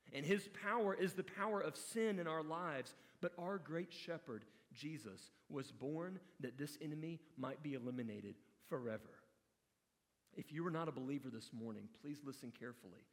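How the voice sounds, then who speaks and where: A male pastor preaching a sermon with earnest emphasis, dropping to hushed appeals. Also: on the high side, in a large hall.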